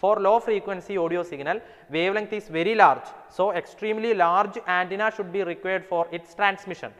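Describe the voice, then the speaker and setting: A man's voice: sits high, a bit bright. Man teaching in a long echo. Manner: explains step by step, reads English definitions out slowly; mixes English terms into his talk, checks with "alle?". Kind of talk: lecture to students.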